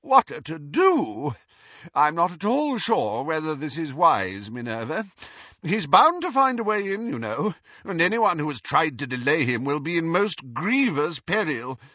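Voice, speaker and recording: A man's voice: a little high, very animated, measured pace, sharp tone, no room sound, highs cut off, voice pushed up, heavily acted. A man voicing a portly, fussy old professor in an audiobook, puffing and pompous. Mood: fretful.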